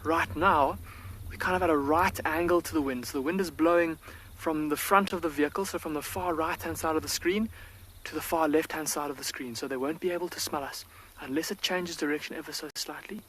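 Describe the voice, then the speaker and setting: Man, safari field guide, live commentary, slightly high voice, faint outdoor ambience. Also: steady tone, fairly quick, a bit bright, slight background noise. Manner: enthusiastic, reads out viewer questions. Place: outdoors in an open safari vehicle.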